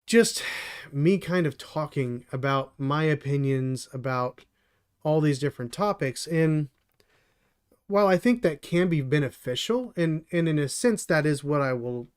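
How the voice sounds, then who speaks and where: Middle-aged guy mentoring devs on his stream, kinda high voice, rambles and restarts a lot. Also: expressive, a little slow, smooth. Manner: earnest and rambling, many restarts and fillers. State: dry voice. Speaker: channel host and developer mentor. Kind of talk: solo live stream talk.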